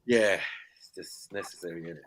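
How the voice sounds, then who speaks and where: A man's voice: low-pitched, fairly quick. A young man hosting a casual online panel chat, slangy and laughing often. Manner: laid-back slangy banter, laughs often. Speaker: host.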